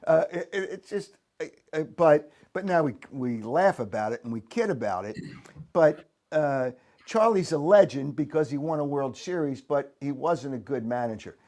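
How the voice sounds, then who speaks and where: A man hosting a sports talk show on a studio mic, with a slightly high voice. He tells his story in fits and starts and acts out the quoted lines of an old argument. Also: expressive, darkish tone. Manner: halting storyteller with restarts and quoted dialogue. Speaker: host.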